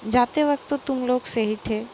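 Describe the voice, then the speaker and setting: A woman's voice: on the high side, normal speed, darkish tone, muffled recording, slight background noise, close to an everyday voice. A woman doing an insistent young friend. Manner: insistent, questioning. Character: caring young woman, pressing her friend.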